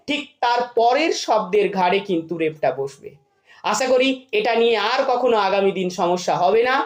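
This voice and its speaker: Bright-voiced woman teaching spelling. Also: on the high side. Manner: lively question-and-answer teaching; repeats a catchy rule. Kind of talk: children's spelling lesson.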